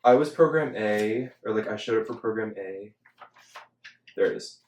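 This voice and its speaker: A man's voice: on the low side, moderate pace, darkish tone, a little hiss or hum. A young man hosting a podcast, chatting casually and filling his talk with "like". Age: young adult. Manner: filler-heavy, chatty, frequent "like". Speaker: podcast host. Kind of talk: casual chat. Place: Los Angeles. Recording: roomy echo.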